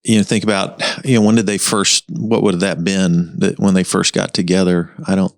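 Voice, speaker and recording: A man hosting a podcast interview in casual chat, halting with frequent restarts. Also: low-pitched, little pitch movement, vocal fry, no room sound, clean studio sound. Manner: halting, with many restarts and "you know". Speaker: podcast host.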